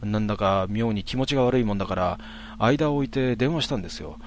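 A man telling a ghost story in a hushed voice, with drawn-out words and dramatic pauses. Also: lowish voice, slight background noise.

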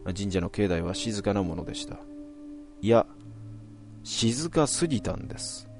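A man narrating a horror story from his own past in a measured, suspenseful way. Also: lowish voice, expressive, faint music behind.

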